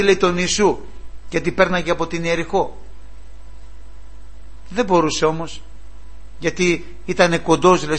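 A man preaching a sermon, impassioned, moving from loud cries to hushed pleading. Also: sits high, slightly rough.

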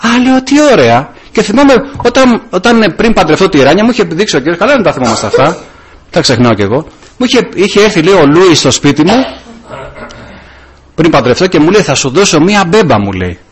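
A man's voice: a little high, a little hiss or hum. A middle-aged man, a deacon, giving an informal sermon full of personal stories, acting out the dialogue. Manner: animated storytelling, acting out dialogue. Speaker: deacon preaching.

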